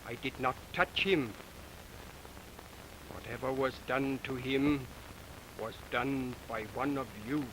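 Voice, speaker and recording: Brief: a solemn hypnotist mystic, slow and grave, from a hissy early talkie soundtrack. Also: male voice, mid-range voice. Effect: early talkie film sound. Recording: noisy early film soundtrack.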